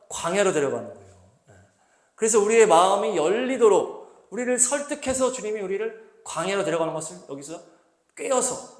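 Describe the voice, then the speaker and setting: Echoey preaching man, rising questions. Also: sits high. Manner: asks the congregation rhetorical questions and answers them; reads scripture slowly and deliberately. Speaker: pastor. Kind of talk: sermon. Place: church hall.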